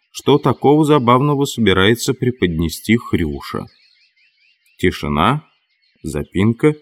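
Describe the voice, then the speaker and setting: Brief: male audiobook narrator, lower voice, dramatic expressive reading. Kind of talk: scripted narration.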